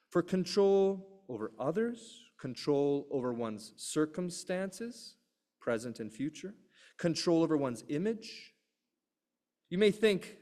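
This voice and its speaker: Man, sermon, earnest and emphatic, fairly high voice, long hall reverb. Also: darkish tone. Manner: earnest, emphatic preaching with slow stressed phrases. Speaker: preacher.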